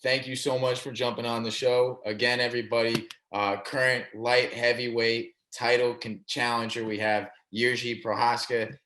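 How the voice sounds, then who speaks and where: A man hosting an interview show, asking questions and affirming answers with quick agreement. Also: medium pitch, level tone, bright, forceful tone. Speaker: podcast host. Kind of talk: casual interview.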